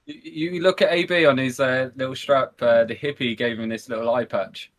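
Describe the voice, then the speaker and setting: A man's voice: mid-range voice, steady tone, moderate pace. A man co-hosting a live stream, chatting casually and explaining things in loose bursts.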